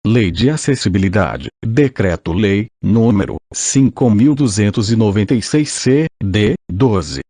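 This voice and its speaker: An old speech synthesizer produces a male voice with a Brazilian accent, reading a formal text as an audiobook in a mechanical scripted way and spelling out the punctuation. The voice is low-ish, expressive, and warm, unhurried with few pauses, in a dry recording.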